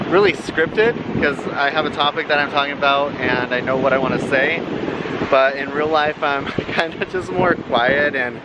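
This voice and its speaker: A man's voice: mid-range voice, heavy background noise. Man just turned thirty, vlogging to a handheld camera. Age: 30s. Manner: chatty, self-conscious, laughs often. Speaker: vlogger and nurse. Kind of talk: casual travel vlog. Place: outdoors at the beach and around town, also a hotel room. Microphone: handheld camera at arm's length. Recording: music playing underneath.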